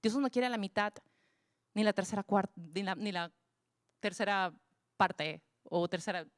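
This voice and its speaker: A woman preaching a sermon with passion, repeating words for emphasis and dropping at times to a hush. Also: mid-range voice, measured pace, no room sound, studio quality. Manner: impassioned, swings between loud pleas and hushed whispers.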